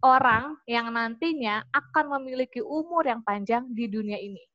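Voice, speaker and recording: A woman's voice: on the high side, normal speed, no echo, muffled recording, natural voice. A woman voicing a poor male farmer from a myth, humbly asking a god for a long life. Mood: pleading.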